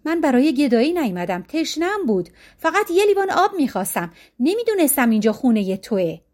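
A woman reading a storybook, voicing a humble, honest male farmer who speaks calmly and firmly. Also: high-pitched. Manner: calm, plain, firm.

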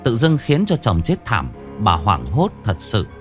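A man reads a ghost story aloud in a dramatic storyteller's manner. His voice sits fairly low, and his pitch rises and falls a great deal as he builds the tension. Soft music plays quietly underneath him. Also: wildly swooping pitch, unhurried.

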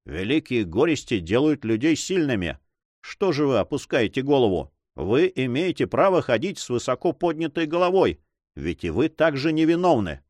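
A man's voice: medium pitch, very animated, normal speed, no room sound, close to an everyday voice. A man voicing a courteous, gracious marquis in an audiobook. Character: noble marquis, gracious and cheerful.

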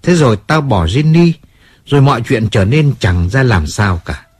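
A man playing a husky, volatile drunk singer. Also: mid-range voice, sing-song, moderate pace, a little mellow, no room sound. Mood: pleading. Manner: bitter outbursts turning to pleading apology. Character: hard-drinking fading male singer in his thirties, volatile.

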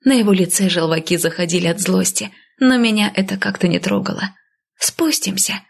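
A woman narrating a first-person fantasy audiobook. She voices a headstrong heroine lively and dips into whispers. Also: mid-range voice, brisk, gravelly.

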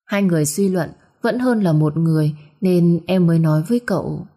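A woman voicing a gentle young wife who speaks softly, calmly and humbly. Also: lowish voice, fairly quick, husky. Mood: humble. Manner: soft, humble, calm.

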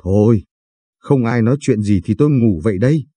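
A man's voice: fairly low pitch, brisk, warm tone, no room sound, lightly acted. A man voicing a playful, talkative young village woman who needles and teases in a storybook reading. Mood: teasing.

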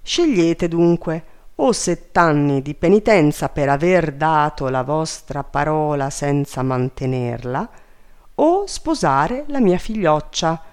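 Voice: medium pitch, animated, slow, clean tone. A reader voicing a haughty, commanding fairy godmother in a storybook reading, raised and scolding. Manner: imperious, scolding.

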